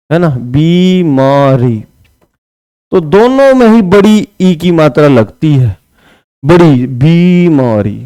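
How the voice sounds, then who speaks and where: A man's voice: on the high side, darkish tone, clear, resonant tone, dry recording. A man teaching a Hindi spelling lesson for exam prep, explaining step by step and asking his students questions. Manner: explains step by step, often asks "है ना"; writes on a board while talking.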